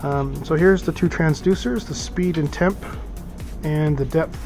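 A man's voice: a little high, measured pace, darkish tone, faint music behind. A middle-aged man casually unboxing boat gear in a small office, thinking aloud with lots of fillers, recorded on a head-mounted camera. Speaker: boating vlogger.

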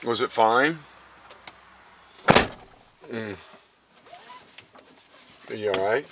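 A man's voice: lowish voice, very slow, dull audio. A middle-aged man chatting casually in a car, coaxing with simple questions and repeated instructions. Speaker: caregiver driving a patient home. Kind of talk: casual chat. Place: inside a car. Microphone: handheld phone. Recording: phone video with clear vehicle noise.

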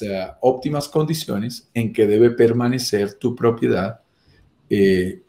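A man's voice: medium pitch, darkish tone. Middle-aged man explaining, didactic. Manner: didactic, repeats key phrases and poses rhetorical questions. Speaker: property business presenter. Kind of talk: explanatory talk on a live video. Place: small room or home office, indoors.

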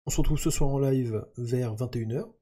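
A man's voice: mid-range voice, fairly quick, dark tone, slightly rough. A man chatting casually through gameplay, thinking aloud with lots of fillers. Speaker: gaming YouTuber.

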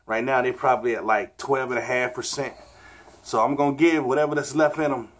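Filming a fitness challenge vlog in a small bedroom at home, this vlogger and father in his thirties chats casually to a camera placed on the floor a short distance away. His voice is medium-pitched, steady and brisk.

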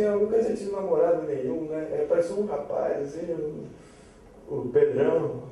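A man's voice: sits high, dark tone, slight background noise. A man with a rural São Paulo accent telling a comic folk tale in a chatty, rambling way. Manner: chatty, rambling, frequent asides. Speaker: storyteller. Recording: echoey room, distant mic.

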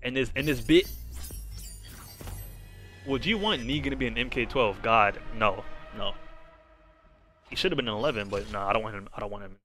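A young man streaming a fighting game, chatting loosely with his chat and reacting loudly to the fights. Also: mid-range voice, moderate pace, pauses often, faint music behind. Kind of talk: casual live-stream commentary while gaming.

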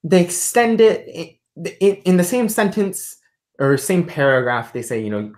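A woman's voice: on the low side, unhurried, a little mellow. A woman guest on a livestream, explaining ideas thoughtfully with many fillers and restarts. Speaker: guest, artist and philosophy tutor. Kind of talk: livestream conversation.

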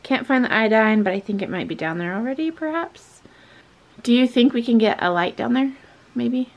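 A woman in her thirties narrates a casual vlog, soft-spoken and often slipping into a whisper as she films in a wooden barn at night and a farmhouse kitchen. Her voice is a little high and animated, at normal speed.

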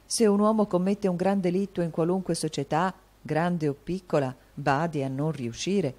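A woman reading an audiobook, voicing a proud, quick-tempered young man who speaks earnestly. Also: fairly low pitch, darkish tone, pitched above the performer's own voice, natural voice. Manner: earnest, scornful at times.

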